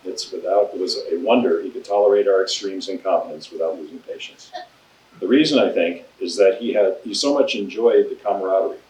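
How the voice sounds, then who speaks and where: A man reads a letter aloud at a memorial service, steady in delivery. His lowish voice sounds distant from the mic, in a roomy space. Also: fairly quick. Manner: reads steadily, with laughing asides. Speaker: reader at memorial.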